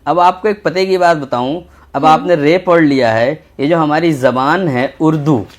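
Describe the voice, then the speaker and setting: A man teaching a children's Urdu lesson, patient and slow, repeating each letter as he writes. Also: fairly high pitch. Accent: Indian Urdu. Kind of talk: textbook lesson for young children.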